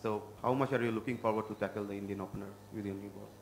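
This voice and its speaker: A man's voice: lowish voice, fairly even intonation, very fast, a little hiss or hum, low-quality recording. A man working as a reporter, politely asking a question at a press conference.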